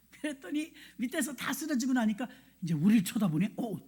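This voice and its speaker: A woman's voice: on the high side, normal speed, husky. A woman pastor giving a sermon, telling a personal story and acting out scenes and her own thoughts. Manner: animated, acts out scenes and quoted thoughts. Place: church sanctuary.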